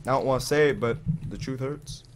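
A man's voice: medium pitch, fairly quick, slight background noise. A man playing a video game with friends, chatting casually in a playful, teasing way. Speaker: Minecraft player, channel co-host. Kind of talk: casual gaming chat with friends.

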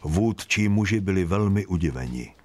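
A man narrating a Bible story in a steady, even storytelling voice. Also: sits low, no room sound.

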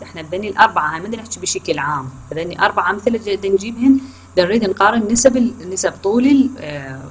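A woman's voice: mid-range voice, a bit bright, breathy edge, low-quality recording. A woman with an Iraqi Arabic accent gives a recorded online lecture to her students. She mixes English terms into her explanations, corrects herself often and checks in with questions. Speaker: university lecturer.

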